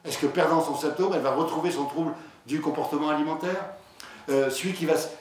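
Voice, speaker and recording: A man, a diabetologist, giving a conversational conference lecture, hesitant with many fillers and restarts, telling patient anecdotes. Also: mid-range voice. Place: lecture hall. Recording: echoey hall, distant mic, faint noise.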